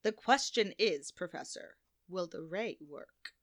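A woman plays a cool, scheming villain mastermind in a comic radio play. She speaks in clipped, menacing tones in a fairly low voice. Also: lively intonation, measured pace. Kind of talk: comic old-time radio play acting.

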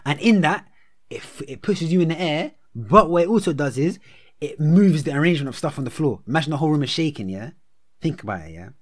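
A man's voice: on the high side, lively intonation, fast. A young man in his twenties with a London roadman accent, chatting casually in heavy slang and tagging phrases with "innit" and "yeah". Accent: London, urban roadman slang style. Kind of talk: animated casual chat.

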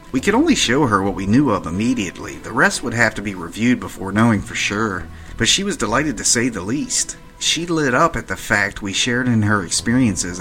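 Male podcast narrator, bright tone, low-pitched, calm first-person haunting tale. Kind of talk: first-person paranormal storytelling.

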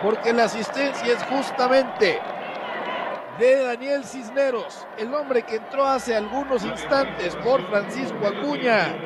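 Mexican guy doing breakneck goal commentary, really high excited voice, tons of crowd noise. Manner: excitable, repeats names, drawn-out goal cries. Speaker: football play-by-play commentator. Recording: noisy stadium broadcast with loud crowd. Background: loud crowd and stadium noise.

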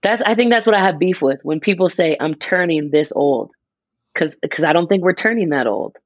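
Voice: mid-range voice, animated, fairly quick, no echo, dull audio. A person in their mid-twenties chatting casually on a podcast, rambling and restarting as they explain an idea. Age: 20s. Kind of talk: casual chat.

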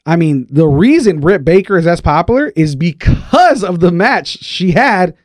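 A man co-hosts a casual sports talk podcast. His voice sits a little high, and the sound is dry, with hardly any room in it. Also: animated, normal speed, dry recording. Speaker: podcast co-host.

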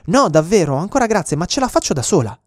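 A man's voice: high voice, very animated, quick pace, dry recording, studio quality, voice pushed up. A man reading as a woman politely refusing.

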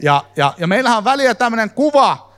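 A man giving a lively sermon to a congregation in a church hall, talking to them directly. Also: very high-pitched, clear, resonant tone. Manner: lively, fillers and restarts, addresses congregation directly. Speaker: preacher. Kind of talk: live sermon teaching.

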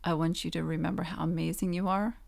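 A woman hosting a self-help podcast, giving calm, instructive advice in a gently encouraging way, while hoarse and losing her voice. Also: lowish voice, fast. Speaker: podcast host.

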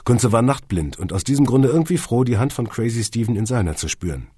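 A man reading an audiobook with wry, lively storytelling. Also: medium pitch, fast talker, breathy edge, dry recording, studio quality. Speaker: audiobook narrator.

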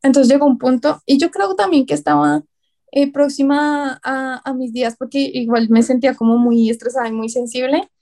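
A young woman with a Colombian accent chats as a guest, spinning lively anecdotes and acting out what others said. Her voice sits high, with a soft, mellow tone. She talks in an easy, conversational way. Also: moderate pace. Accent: Colombian Spanish. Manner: lively, acts out quotes, laughs often. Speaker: guest, writer. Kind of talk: casual storytelling conversation.

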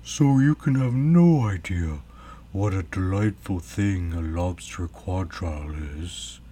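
A man's voice: low-pitched, expressive, takes it slowly, mellow, exaggerated voice. A man voicing a sad, tearful, earnest sea turtle in a storybook. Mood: mournful, earnest. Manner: mournful, solemn, earnest. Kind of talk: storybook character voice.

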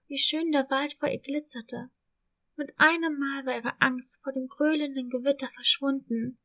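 High-voiced woman reading a children's story. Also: a bit bright. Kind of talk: scripted narration.

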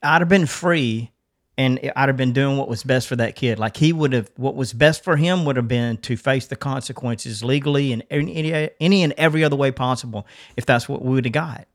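Middle-aged guy cohosting a podcast, earnest, rambles and restarts, regular pitch. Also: a little fast. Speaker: podcast co-host. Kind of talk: casual chat, personal story.

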